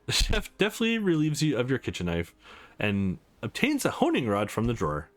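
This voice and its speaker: As a let's play host, a man reads a visual novel's narration and dialogue aloud expressively, occasionally correcting a slip. His medium-pitched voice swoops wildly at a moderate pace, with music playing behind it.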